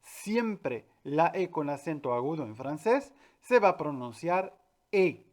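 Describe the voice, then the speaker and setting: Man, language teacher, lesson, animated pitch, patient, repeats words slowly. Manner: addresses viewers directly, with filler "eh". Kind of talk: French pronunciation lesson.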